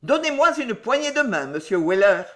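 With a very animated, slightly bright mid-range voice pitched above the performer's own, an audiobook reader plays a sly male servant at normal speed. The character gushes in an overly sentimental, falsely tearful way.

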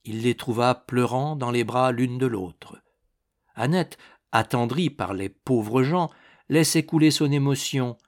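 A man narrating a classic novel as an audiobook, in a measured, expressive reading voice. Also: medium pitch.

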